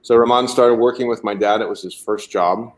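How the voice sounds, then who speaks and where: A man's voice: fairly low pitch, fairly even intonation, a little fast. A winemaker on a video call, explaining his methods in a detailed, easygoing way and telling stories. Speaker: winemaker guest.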